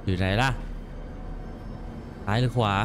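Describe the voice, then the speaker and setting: A man commenting on a game as he plays, exclaiming and repeating words in quick excited bursts. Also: music in the background. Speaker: gameplay commentator. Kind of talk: let's play commentary.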